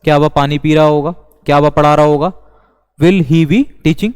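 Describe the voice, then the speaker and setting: A man teaching an English grammar lesson, speaking slowly and deliberately and repeating each example sentence. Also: on the high side, fairly even intonation, a little mellow, smooth. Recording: long reverb.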